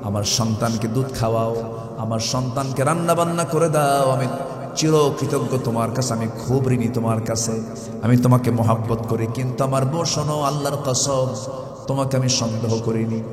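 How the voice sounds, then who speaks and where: A man's voice: mid-range voice, moderate pace. Fervent preacher man in echoing hall. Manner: fervent, rising to loud emphatic peaks. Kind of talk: sermon storytelling. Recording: echoey hall reverb.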